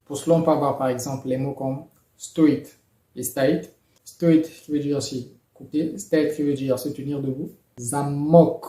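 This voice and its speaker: A man explaining pronunciation rules in a measured, methodical lesson, with occasional fillers. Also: a little high, mellow, echoey room. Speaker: language teacher.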